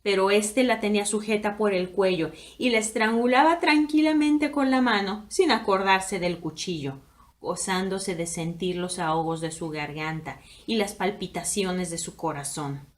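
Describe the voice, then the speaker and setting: Woman reading a spooky old story, mid voice, goes quiet then loud. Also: medium pitch, normal speed. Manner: expressive, swinging between hushed and loud.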